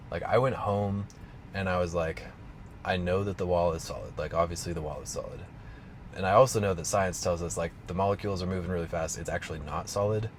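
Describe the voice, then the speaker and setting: A strength coach talking casually to camera, telling a personal story in a rambling way full of "like" and restarts. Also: male voice, low-pitched, slight background noise. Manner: casual, rambling, heavy use of "like".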